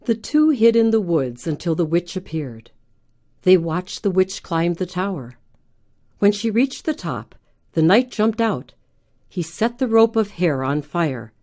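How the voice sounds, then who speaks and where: A woman reads a children's fairy tale aloud with a gentle, even delivery. Her voice is mellow and warm with a slightly low pitch. She takes her time over every sentence. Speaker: narrator. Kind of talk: scripted storybook narration for children.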